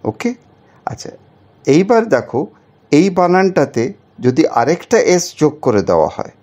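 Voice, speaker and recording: A man's voice: mid-range voice, darkish tone. A man teaching a children's spelling lesson, patiently spelling words out letter by letter and asking the viewers questions.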